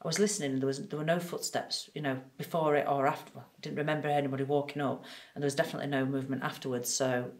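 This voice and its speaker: A woman's voice: extremely low pitch, little pitch movement, rapid-fire, hardly any pauses. A woman paranormal investigator recounting an experience in an interview, chatty and full of ums.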